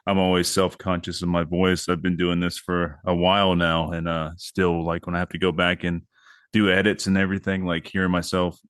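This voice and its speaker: A man's voice: sits low, monotone, a little fast, fairly bright tone, smooth, no room sound, studio quality. A man hosting a horror podcast, talking in a laid-back, rambling way with plenty of fillers and casual swearing. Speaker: podcast host.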